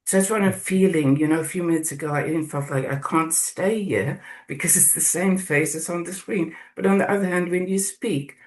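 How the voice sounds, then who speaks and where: A man from South Africa sharing his experience in a group video call, speaking slowly and haltingly as he searches for words. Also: a little high, low-quality recording. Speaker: course participant.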